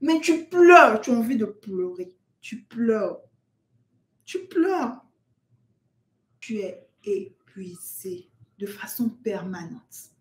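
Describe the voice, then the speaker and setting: A woman's voice: a little high, very animated, slow pace, long pauses, echoey room. A woman vlogger giving earnest, direct advice to new mothers, talking straight to the listener. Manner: earnest, addresses the listener as "tu" and "maman". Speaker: parenting vlogger. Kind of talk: direct-to-camera advice talk.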